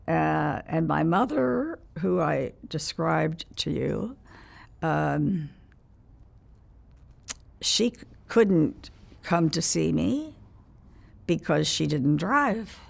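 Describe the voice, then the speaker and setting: Very old woman, slow gravelly voice. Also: deep voice. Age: 90s. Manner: halting, pausing mid-sentence between short phrases. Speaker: interviewee. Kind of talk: reminiscing in a casual interview.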